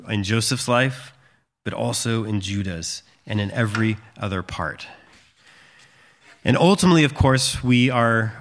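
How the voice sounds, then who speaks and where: A man preaching a sermon in a conversational way, with frequent fillers and restarts. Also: mid-range voice.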